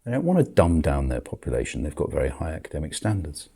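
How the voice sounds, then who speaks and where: A man's voice: very deep voice, big pitch swings, fast, gravelly, mellow, breathy edge. An older man in a grumpy, world-weary back-in-my-day rant, commenting on the world with emphatic outbursts. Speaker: video commentator.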